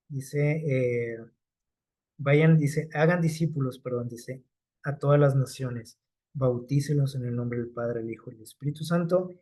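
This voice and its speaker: A man with a mid-range, darkish voice preaches a sermon conversationally, often checking in with listeners through rhetorical questions.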